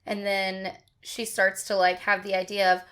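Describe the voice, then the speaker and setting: A woman's voice: mid-range voice, little pitch movement, moderate pace, a bit bright. Young woman chatting about horror films. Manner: hesitant, filler-laden. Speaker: podcast co-host. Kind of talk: casual film review chat.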